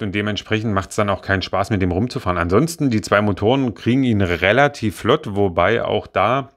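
A man with a somewhat low voice talks through a brick-built car model in a loose, unscripted review. He hesitates often, fills pauses and corrects himself mid-sentence. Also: a bit bright. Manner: rambling, hesitant, many fillers and self-corrections. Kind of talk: casual spoken product review.

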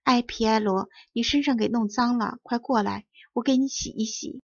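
A woman's voice: fairly high pitch, moderate pace, a little mellow, breathy edge, no echo, highs cut off. A woman voicing a poor woodcutter's wife, a mother who laments her lost children in a storybook reading. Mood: tender. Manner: plaintive, lamenting.

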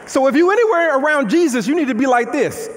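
A fast-talking young preacher with a strikingly high voice paces a large church stage, gesturing through an animated, conversational sermon full of rhetorical questions. Reverb hangs in the hall, with some chatter behind him and a little hiss or hum.

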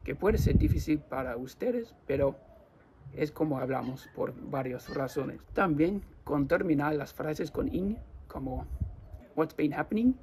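An Australian man with an Australian accent, explaining everyday phrases to viewers in slow, careful non-native Spanish and repeating his examples. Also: on the high side, darkish tone, a little hiss or hum. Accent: Australian English. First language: English. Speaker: language teacher.

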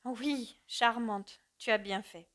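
A woman voicing a distressed middle-aged mother who speaks softly and hesitantly. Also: a little high, slow pace. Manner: soft, trembling, hesitant.

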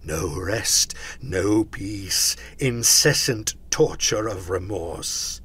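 A man voicing a tormented, mournful ghost in a storybook reading, with slow, drawn-out declamation. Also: low voice, a bit bright, slightly rough, full character voice. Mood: grave, weary. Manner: slow, drawn-out, declamatory delivery with wailing cries. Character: tormented male ghost, mournful and solemn warning spirit.

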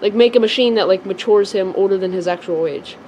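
Excitable kid big brother, rambling and fast-changing, played by a girl; mid-pitched, homemade toy movie. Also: a little hiss or hum, close to an everyday voice, rough recording. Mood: chatty. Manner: rambling, full of "like" and restarts.

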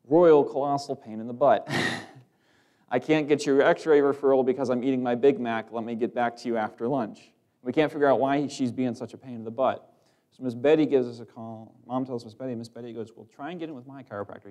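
A man's voice: medium pitch, darkish tone. A man preaching to his congregation, telling a family story loosely with restarts and small laughs before turning to scripture. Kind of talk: sermon with personal testimony.

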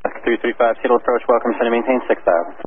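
A man working as an approach air traffic controller gives clipped instructions over a static-laced aircraft radio. His voice is medium in pitch with fairly even intonation, and he speaks very fast. The audio comes through a narrow radio band with faint static.

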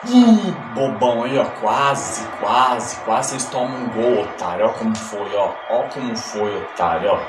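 A man giving mock commentary on a video game match, loudly taunting and shouting insults. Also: medium pitch, lively intonation, measured pace, few pauses, reverberant, over music, rough recording. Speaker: comedy sketch creator narrating a video game match. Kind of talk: mock sports commentary over gameplay.

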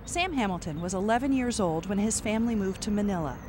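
A woman narrates a documentary from a script in a medium-pitched voice. Her delivery is measured and factual, with faint noise behind it. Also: lively intonation.

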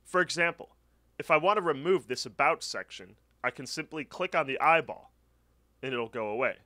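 A man's voice: a little high, expressive, normal speed, bright, forceful tone. A man narrating a scripted step-by-step website setup walkthrough as a voice-over. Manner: clear step-by-step instructional. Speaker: tutorial narrator. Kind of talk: scripted screen-recording walkthrough.

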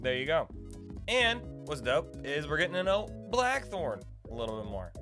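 With a fairly high voice, big swings in pitch and a normal speed, a man in his thirties delivers casual, slangy livestream game commentary. He's a video game streamer and guide host speaking playfully into a close boom-arm desk mic in a small indoor room, with game music playing.

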